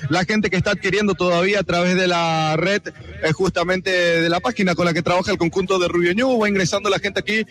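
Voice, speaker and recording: A man's voice: high-pitched, fairly even intonation, fairly bright tone. A man, a radio field reporter describing the scene outside a stadium live. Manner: brisk, on-the-spot description.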